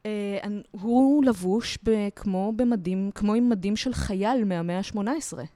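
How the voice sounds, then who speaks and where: A woman talking as a guest lecturer in a podcast interview, explaining in a lively, talkative way from memory. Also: medium pitch. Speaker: guest lecturer on culture history.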